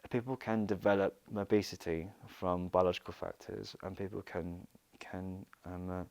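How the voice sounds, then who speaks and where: A man giving a halting personal account in a documentary interview, pausing and searching for words. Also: low-pitched, steady tone, vocal fry. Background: music playing softly.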